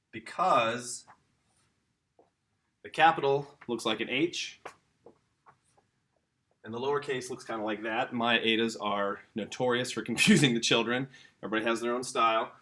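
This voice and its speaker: A middle-aged man with a mid-range voice teaches a casual video lesson, relaxed and chatty, correcting himself as he writes on a board.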